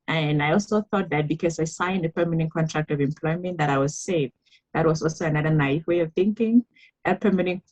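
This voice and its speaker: A woman's voice: low-pitched, a little mellow, highs cut off. A woman from Cameroon, a guest author, telling her story in a podcast interview, reflective and chatty with laughs and fillers.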